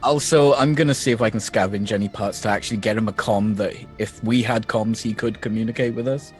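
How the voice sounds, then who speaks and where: A man's voice: lowish voice, fairly even intonation, fairly quick, darkish tone, soft background music. A man chatting casually as a player in a tabletop role-playing game.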